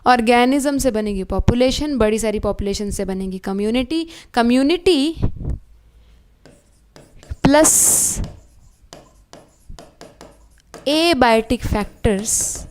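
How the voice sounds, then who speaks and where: Woman teaching biology online, high voice, animated and chatty with students. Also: a little hiss or hum. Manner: animated, addresses students as beta, asks checking questions. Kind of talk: online exam-prep lecture.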